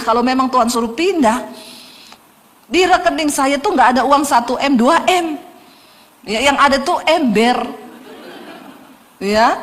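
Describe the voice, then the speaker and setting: A woman's voice: sits high, a bit bright, in a large hall. A woman pastor, preaching a sermon as a humorous story told straight to the congregation.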